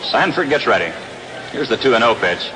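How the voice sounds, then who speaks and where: An American announcer delivers 1960s-style radio play-by-play of a baseball game from an outdoor ballpark, with loud stadium sound behind him. His medium-pitched voice is very animated and brisk, and background noise is present.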